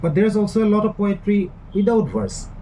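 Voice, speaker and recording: A male lecturer with an Indian English accent talks through a recorded lesson in a somewhat high but mellow voice. He explains patiently, repeats and rephrases his points, and fills his pauses with "uh". A faint hiss sits under the recording. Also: low-quality recording.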